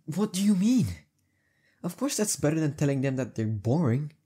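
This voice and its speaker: In an intimate roleplay audio, a young man plays a heartbreaker friend, speaking casually and haltingly with emphasis and a soft husky edge. His voice is fairly high and sing-song, and he sounds defensive and teasing.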